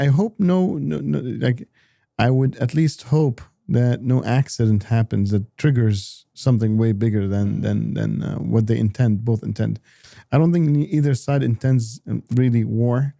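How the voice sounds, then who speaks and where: A man talking politics as an analyst in a casual discussion, halting often with repeated words and restarts. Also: medium pitch, creaky, mellow, dry recording, clean studio sound.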